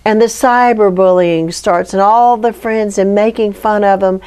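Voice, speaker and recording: A woman's voice: medium pitch, fairly even intonation, unhurried, darkish tone, clear, resonant tone. Earnest preacherly woman guest. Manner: earnest, preacherly, rising to pleading near the end. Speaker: guest, ministry founder.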